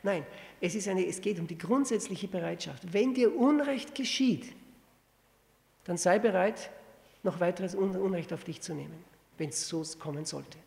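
Gravelly-voiced preacher in a reverberant hall. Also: male voice, high-pitched, animated, moderate pace, a little mellow. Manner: conversational, many restarts and fillers, rhetorical questions. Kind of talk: sermon, verse-by-verse Bible exposition.

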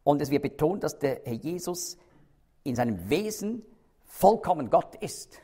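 A man's voice: fairly high pitch, sing-song, unhurried, dark tone, slightly rough. A man teaching a Bible study, explaining carefully, stressing key words and checking in with his listeners.

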